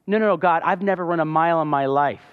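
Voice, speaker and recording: A pastor delivers a sermon testimony in a church hall, telling his story with passion and an impassioned, storytelling manner. His voice is a little high, quick, clear and resonant. The recording sounds dull, with a long hall reverb.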